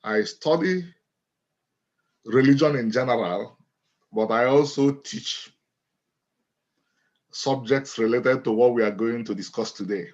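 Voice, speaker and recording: A middle-aged Nigerian man with a Nigerian accent, speaking as an interview guest in a measured, deliberate way and restating his phrases. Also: medium pitch, a little mellow. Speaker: guest, author and lawyer. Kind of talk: interview storytelling. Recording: dull lo-fi audio.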